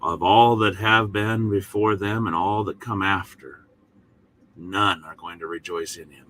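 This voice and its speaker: A man teaching the Bible in a short devotional, speaking in a folksy, emphatic manner with pauses between short phrases. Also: low-pitched, steady tone, pushed and bright, a little hiss or hum.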